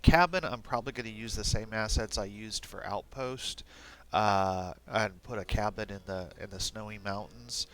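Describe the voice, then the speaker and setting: A man live-streams solo while making battle maps, talking casually to himself into a desk mic at a normal speed. His voice is lowish, he's a little sniffly and heavy on fillers, and there's a faint hiss or hum under quiet background music.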